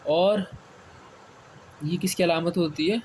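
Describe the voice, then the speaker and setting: A man teaching the stopping rules of Quran reading, who asks his students questions and answers them himself, repeating key words slowly. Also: fairly high pitch, fairly even intonation, a little mellow. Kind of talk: step-by-step classroom explanation. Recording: faint background noise.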